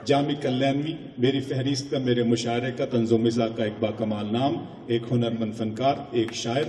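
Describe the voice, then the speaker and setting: A man's voice: medium pitch, fairly even intonation, dark tone. A man hosting a live poetry gathering, telling a theatrical joke on stage. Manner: storytelling, theatrical. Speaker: mushaira host. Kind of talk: stage compering with jokes. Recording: echoey hall, distant mic.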